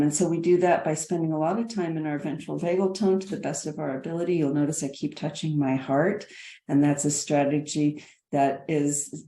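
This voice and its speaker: A woman's voice: low-pitched, dark tone, reverberant. A woman, a nursing educator, explaining slides in an earnest way and often repeating words as she goes.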